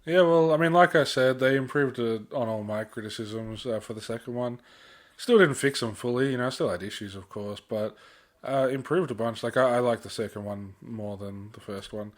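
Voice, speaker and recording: An Australian man co-hosts a casual pop-culture podcast, speaking at a moderate pace in a mid-range voice. His chat is blokey and informal, with a bit of mild swearing.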